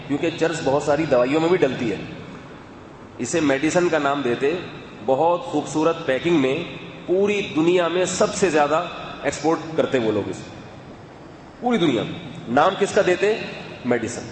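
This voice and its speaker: A man giving a sermon in a calm, conversational, explanatory way, with asides to his listeners. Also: a little high. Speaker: religious scholar. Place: mosque or hall with loudspeaker system. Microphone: loudspeaker microphone. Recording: echoey hall, faint background noise.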